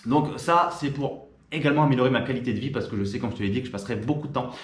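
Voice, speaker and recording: Brief: French male vlogger, mid pitch, casual and rapid, lots of filler words, reverberant room. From France. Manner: chatty, informal, frequent fillers and restarts. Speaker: YouTuber. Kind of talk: casual direct-to-camera talk.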